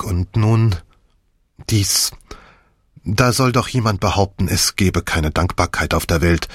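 A man's voice: lowish voice, dry recording, studio quality. A man voicing a chatty, sentimental older woman in an audiobook, talking in a gushing way. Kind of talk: audiobook character voice.

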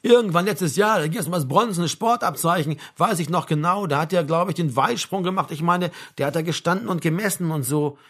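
A man's voice: fairly high pitch, brisk, few pauses, a bit bright. A man voicing a talkative, eager young soldier in an audiobook reading, rambling on. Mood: chatty. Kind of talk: audiobook character voice.

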